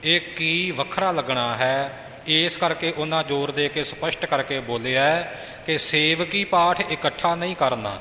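A man teaching scripture pronunciation, slow and deliberate, half-singing example lines. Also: on the high side, pushed and bright. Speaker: recitation teacher. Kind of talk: pronunciation instruction. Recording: echoey room with faint noise.

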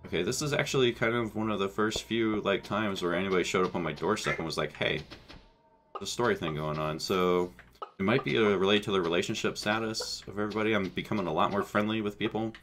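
A quick-paced, lowish male voice belongs to a gaming channel host in his thirties who has a cold and a blocked nose. He chats loosely and thinks aloud through casual let's-play commentary on a farming game, speaking into a headset mic over the game's music.

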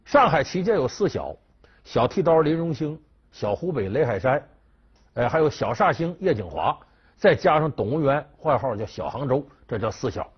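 A man recounting history as a lively storytelling commentator, husky in tone and now and then acting out the quotes. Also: mid-range voice, normal speed. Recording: dull lo-fi recording.

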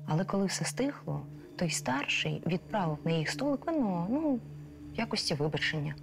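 A gossipy, defensive waitress. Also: female voice, fairly low pitch, big pitch swings, normal speed, vocal fry. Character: chatty, defensive waitress eager to point fingers. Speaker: restaurant waitress. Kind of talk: docudrama reenactment.

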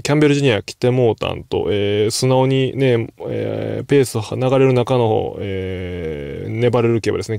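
Fast-talking Kansai man with a gravelly voice. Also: medium pitch, darkish tone, no room sound, clean studio sound. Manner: rambling and self-deprecating, often apologizing. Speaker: host. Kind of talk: casual horse-racing betting commentary.

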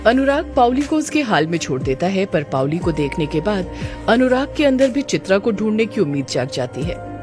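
A woman storyteller giving steady, descriptive scripted narration of an audio drama. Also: medium pitch, moderate pace. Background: background music.

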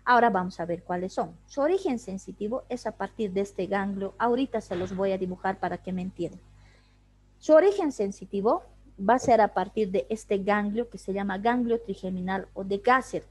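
A woman's voice: mid-range voice, normal speed, a little mellow, breathy edge. A woman teaching anatomy in an online class, explaining step by step and asking rhetorical questions she answers herself. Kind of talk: online lecture. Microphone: video call.

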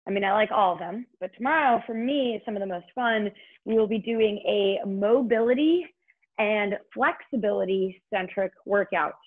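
A woman's voice: medium pitch, normal speed. Upbeat woman aerobics instructor, muffled stream. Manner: upbeat, encouraging, short motivating cues. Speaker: fitness instructor leading a live online workout. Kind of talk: aerobics instructor cueing, counting down and coaching. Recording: muffled, band-limited online stream audio.

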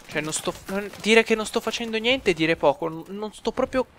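A young man giving excitable live gameplay commentary, swearing and talking to his viewers. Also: high-pitched, normal speed, a little hiss or hum. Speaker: gaming youtuber.

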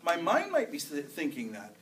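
A man's voice: on the high side, huge pitch swings, moderate pace, a bit bright, distant mic, low-quality recording. A man preaching a sermon as pastor, in a conversational style that repeats phrases for emphasis. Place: church sanctuary.

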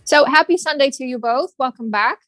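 Higher-voiced easygoing woman guest. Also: brisk, fairly bright tone, soft background music. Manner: easygoing, thinking aloud. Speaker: guest artist. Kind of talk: casual interview conversation.

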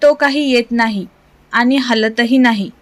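A woman reading aloud and voicing a group of eager village boys calling out loudly for their friend. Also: a little high, measured pace, close to an everyday voice. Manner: excited calling out.

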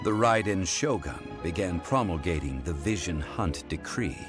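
A deep, stately ancient god. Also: male voice, very animated, over music. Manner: measured, formal, stately speech. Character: ancient god living as a calm, dignified mortal man. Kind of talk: video game voice acting.

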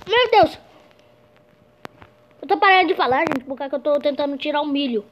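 Very high, excitable young gamer girl. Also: normal speed, muffled recording, a little hiss or hum. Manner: excitable, shrieks at goals, keeps saying "gente". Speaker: gameplay commentator. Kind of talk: excited gameplay commentary.

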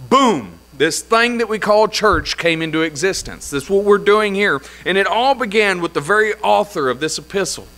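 A man's voice: high-pitched, a bit bright, poor audio. A man pastor preaching a sermon in a church, opening in prayer and retelling scripture with emphatic repetition. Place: church sanctuary.

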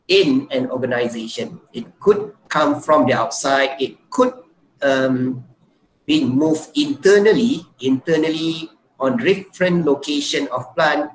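A male university lecturer, explaining slides in an online lecture and often saying "let's say, for example". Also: medium pitch. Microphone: computer mic on a video call. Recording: echoey room with faint hiss.

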